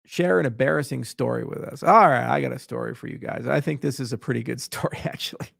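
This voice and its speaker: Gravelly-voiced man rambling through a story. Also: mid-range voice, fast talker, fairly bright tone, no echo, clean studio sound. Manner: rambling anecdotal storytelling with many fillers. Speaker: livestream host answering viewer questions. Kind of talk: casual livestream Q&A.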